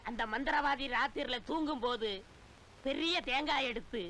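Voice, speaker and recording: A man's voice: very high voice, normal speed, a loud crowd. An actor playing a bossy, scheming comic servant who bullies his sidekick in a film comedy.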